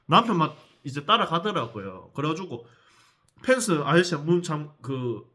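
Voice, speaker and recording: A vlogger tells a personal story in an animated way, speaking straight to his viewers. His voice is bright, lively, and on the high side, at a normal speed, and he gets heated and profane as he goes.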